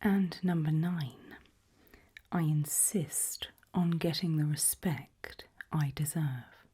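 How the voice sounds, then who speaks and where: With a breathy whisper and soft, low murmurs, a woman takes on the role of a politely sinister HR interviewer working for an evil organisation. This ASMR roleplay is calm and measured, her words deliberate and spaced with pauses.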